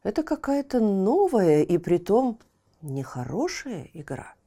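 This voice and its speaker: A woman voicing an old male wizard in a storybook, grave and commanding, with a slow, deliberate delivery. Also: mid-range voice, very animated, mellow. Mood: puzzled. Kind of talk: storybook character voice.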